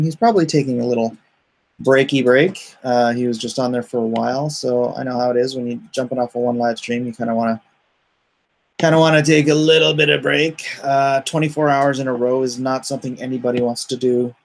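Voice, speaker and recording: A comic artist hosts a livestream, chatting casually and reading viewer comments aloud in a rambling, joking way. His mid-range voice is gravelly and darkish, and the recording is rough.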